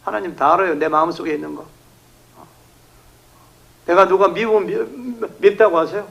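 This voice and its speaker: Man, pastor, revival sermon, emphatic, high voice, gravelly, church. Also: moderate pace, poor audio. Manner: emphatic, animated, acting out shouted prayers. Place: church sanctuary.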